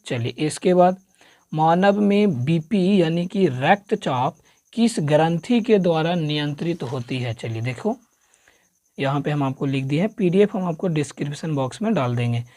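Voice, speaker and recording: A man with a slightly high, mellow, expressive voice teaches science for exam prep at a moderate pace. Acting as a coaching teacher, he keeps quizzing the listener and drilling the answers, recorded at studio quality without echo.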